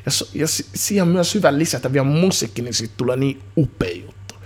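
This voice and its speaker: A man in his thirties, a musician and youth football coach, talking in a casual interview in an energetic, slangy, rambling way full of restarts. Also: mid-range voice, husky.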